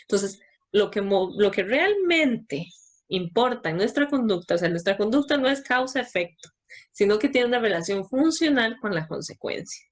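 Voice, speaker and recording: A woman's voice: mid-range voice, animated, normal speed. A woman giving a talk to parents, explaining step by step and answering her own questions.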